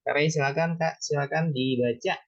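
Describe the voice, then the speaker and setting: A woman's voice: sits low, a little fast. A woman teaching a beginner Mandarin class online over a video call, encouraging students and calling on them by name. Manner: encouraging, calls on students by name, repeats syllables. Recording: slightly dull lo-fi sound.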